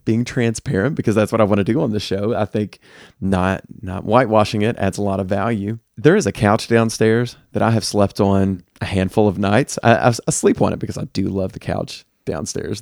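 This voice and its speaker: Man, Southern accent, low gravelly voice, dry close sound, candid podcast host. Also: normal speed, darkish tone, dry recording. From United States. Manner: candid, easygoing, with frequent restarts. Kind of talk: casual podcast chat.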